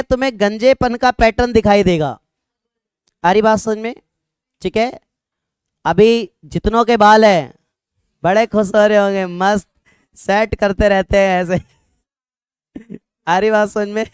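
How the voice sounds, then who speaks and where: A man's voice: sits high, steady tone, unhurried, pauses often, clean tone, dry recording. A young man teaching a classroom of students, talking casually, joking with them and checking often that they follow. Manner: conversational, repeats "ठीक है" often, jokes with students. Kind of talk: classroom lecture.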